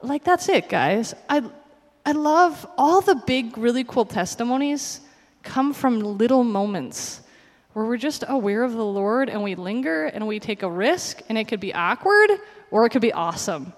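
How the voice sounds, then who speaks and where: Woman preacher, chatty sermon storytelling, acts out dialogue, fairly high voice, long hall reverb. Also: lively intonation, moderate pace.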